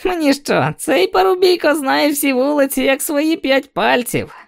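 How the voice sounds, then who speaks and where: A spiteful little creature sneers in a shrill, screeching voice that jumps high and low. His pitch is very high and strained, a thin, nasty timbre far from an ordinary speaking voice. He mocks and threatens as a storybook villain. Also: animated, unhurried, gravelly, heavily acted. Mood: taunting. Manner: jeering, mocking. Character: spiteful tiny male creature, shrill and taunting.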